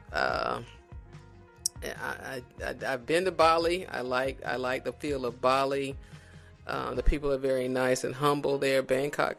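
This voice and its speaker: Man, from South Carolina, podcast guest, gravelly, reflective, restarts often, faint music behind. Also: mid-range voice, a bit bright. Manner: reflective, unhurried, with frequent restarts. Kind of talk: casual conversation.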